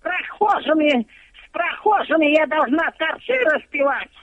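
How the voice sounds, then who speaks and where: Gruff high-voiced older woman on the phone. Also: lively intonation, unhurried, no echo. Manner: gruff, hostile, foul-mouthed. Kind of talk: prank phone call, casual argument. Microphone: telephone. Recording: dull lo-fi telephone line.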